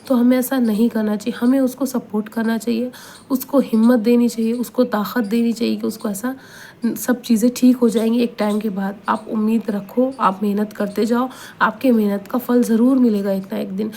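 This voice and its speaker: A woman speaks in a somewhat high, mellow voice, delivering Islamic motivational advice. She talks earnestly and repeats her points with a pleading tone, often turning to the listener for agreement. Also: steady tone.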